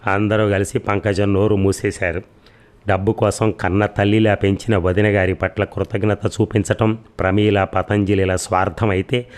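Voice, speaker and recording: Male audiobook narrator, very low voice, steady reading. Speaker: storyteller.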